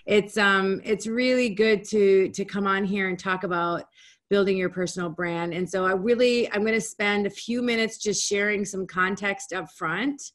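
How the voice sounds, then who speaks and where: A woman, giving an energetic, conversational webinar talk from home over a video call. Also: medium pitch. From United States. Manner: energetic and conversational, speaking in quick bursts with restarts. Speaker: guest speaker. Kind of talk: webinar presentation. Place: home room, indoors.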